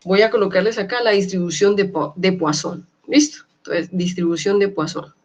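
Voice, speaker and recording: A woman teaching a university class over a video call. She repeats key terms slowly and keeps asking her students if they follow. The audio is slightly dull and muffled. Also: mid-range voice, fairly even intonation. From Colombia. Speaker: university lecturer. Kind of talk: online class lecture.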